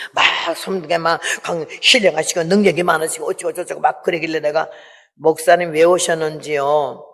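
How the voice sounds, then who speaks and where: A woman's voice: low-pitched, vocal fry. A woman in her eighties, a missionary giving an emotional testimony sermon and acting out the dialogue she recounts. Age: 80s. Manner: emotional, acts out quoted dialogue. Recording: long reverb of a large hall.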